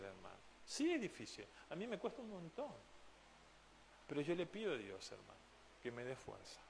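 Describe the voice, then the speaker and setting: Lively earnest pastor preaching. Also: male voice, a little high, a little hiss or hum. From Argentina. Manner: earnest, direct, asks the congregation questions. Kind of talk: sermon. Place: church.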